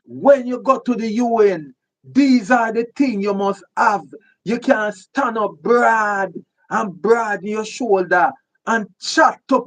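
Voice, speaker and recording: A commentator with a Jamaican accent giving emphatic political commentary in patois, repeating points for stress. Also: mid-range voice. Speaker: online commentator.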